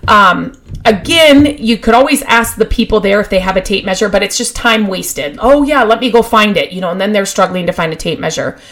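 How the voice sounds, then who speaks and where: A woman of middle pitch hosts a podcast, handing out practical tips in a casual, chatty flow. She talks with plenty of fillers and restarts, and her enthusiasm for the topic comes through. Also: brisk. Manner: gets excited about her topic. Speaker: podcast host. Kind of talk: casual advice talk.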